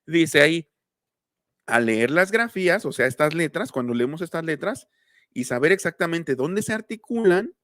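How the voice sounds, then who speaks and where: A man's voice: on the high side, expressive, moderate pace, fairly bright tone, no room sound, studio quality. Casual man teaching phonetics. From Mexico. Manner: casual and chatty, greets viewers mid-lesson. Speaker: linguistics teacher. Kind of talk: live-streamed lesson.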